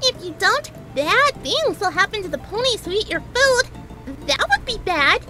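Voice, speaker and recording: Pinkie Pie, a squeaky bubbly pony. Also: female voice, big pitch swings, moderate pace, music in the background, low-quality recording. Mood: rambling. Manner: bubbly, rambling, giggly. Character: hyper, chatty young female pink pony baker. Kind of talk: fanfic reading, character voice.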